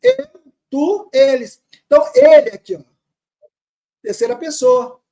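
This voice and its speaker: A man teaching grammar, reading words slowly from a text and repeating them patiently. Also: very high voice, big pitch swings, dark tone. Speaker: teacher of Syriac Aramaic.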